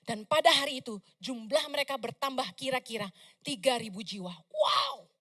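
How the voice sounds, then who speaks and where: A middle-aged woman pastor preaching a sermon loudly and emphatically, breaking into casual slangy asides. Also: sits high, sing-song, normal speed.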